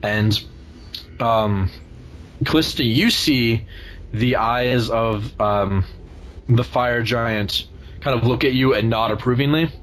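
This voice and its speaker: A man improvising tabletop game narration as game master, often searching haltingly for his words. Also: medium pitch, fairly bright tone. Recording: noisy room recording.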